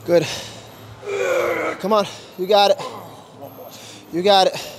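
A man in his thirties, a personal trainer, giving brisk instructions and encouragement while coaching a workout in a large indoor gym on a lapel mic. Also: sits high, fairly even intonation, background noise.

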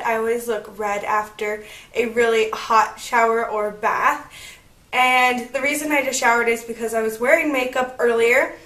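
A young beauty vlogger chats through a casual makeup tutorial in her bedroom at home, upbeat and narrating each step. Her fairly high, fairly bright voice is slightly croaky as she recovers from illness, and the room sounds echoey.

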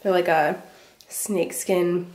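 A woman's voice: fairly low pitch, fairly even intonation, slow, darkish tone. A young woman in her twenties chatting casually through a clothing try-on, a bit out of breath, filling her talk with "like". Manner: chatty, fillers like "like", upbeat. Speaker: vlogger. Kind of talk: casual try-on haul chat.

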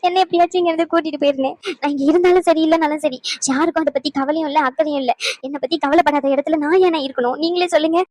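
A woman's voice: high voice, fairly even intonation, darkish tone, no echo, close to an everyday voice. Woman doing a whiny aggrieved grandmother. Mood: self-pitying. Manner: whiny, complaining, drawn-out sobbing speech. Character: aggrieved grandmother, self-pitying and tearful.

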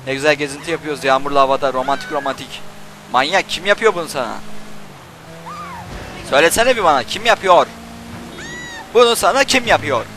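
A young man doing Let's Play commentary, swearing and shouting insults at game characters while he plays. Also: on the high side, fairly quick, long pauses, slight background noise. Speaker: gaming channel host.

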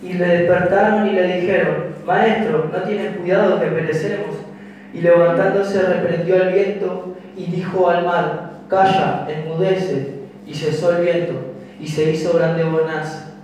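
A man's voice: sits high, fairly even intonation, a little slow, darkish tone, a little hiss or hum. A young man with a Paraguayan Spanish accent preaching a sermon in a small church hall, speaking into a handheld mic at a pulpit and often restarting his phrases as he explains. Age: young adult. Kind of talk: sermon with prayer. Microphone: handheld mic at a pulpit, filmed from far. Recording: very echoey hall from far off.

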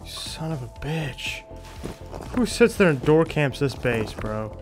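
A man's voice: fairly high pitch, sing-song, slow pace, over loud music. Young frat-bro guy doing game commentary. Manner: frat-bro slang, swearing, exasperated. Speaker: gaming video host. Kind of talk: casual gameplay commentary.

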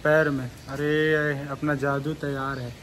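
A young man talks his way through a motorbike ride in a bright, high voice, chatty and quick to joke. He speaks into a camera mic while riding outdoors. Loud road and traffic noise runs under everything he says. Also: little pitch movement. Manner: chatty, joking, laughs often. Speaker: motorcycle vlogger. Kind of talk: casual ride commentary.

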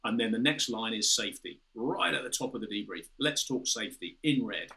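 Talking briskly and animatedly, a British former fighter pilot in his fifties gives long explanations as a guest on a video call, frequently restarting and using "you know." His mid-range voice is gravelly, bright, and forceful. He sits indoors in a room with a window and red curtains.

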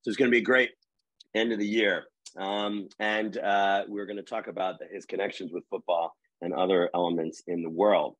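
Speaking in a low voice with little pitch movement and a moderate pace, a middle-aged man, an editor-at-large, hosts a live video conversation in earbuds. He rambles, full of fillers and restarts, in a home room backed by wood paneling; the audio is dry and rough.

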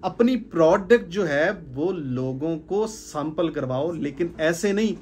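Man, thirties, fairly high voice, emphatic, repeats phrases, faint room noise. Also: expressive, takes it slowly, darkish tone. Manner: emphatic, repeats phrases for stress, gestures while talking. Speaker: sales trainer. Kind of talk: informal business talk to a small group. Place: indoor room with curtains.

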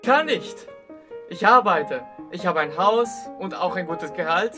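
A man's voice: high voice, expressive, unhurried, over music. A man playing a persistent blind suitor, pleading and insistent, in acted short-film dialogue. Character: persistent blind male suitor, stubborn and earnest.

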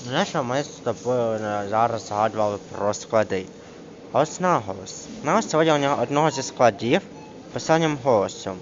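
A man coaching a single student through a grammar lesson, pausing often and drawing out each example word as he reads it aloud. His voice sits at an ordinary middle pitch. The recording sounds dull and lo-fi, with a steady hiss of noise behind him. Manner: hesitant, with many fillers, reads examples slowly. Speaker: tutor. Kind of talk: casual one-on-one grammar lesson. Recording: dull lo-fi screen recording with clear background noise.

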